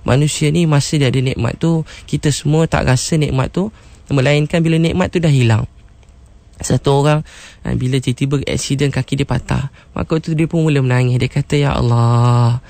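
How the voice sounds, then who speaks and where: A man's voice: on the high side, steady tone, brisk, vocal fry, darkish tone, no room sound. A man in his thirties with a Malaysian accent, giving an earnest motivational radio talk and acting out the people in his stories. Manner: earnest storytelling, acts out quotes. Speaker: preacher.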